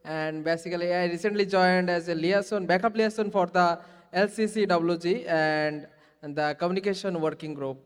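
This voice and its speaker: A man from Bangladesh with a high, clear voice introduces himself on a panel. He speaks hesitantly and restarts his phrases. The sound has the long reverb of a hall. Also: steady tone, moderate pace. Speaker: board director.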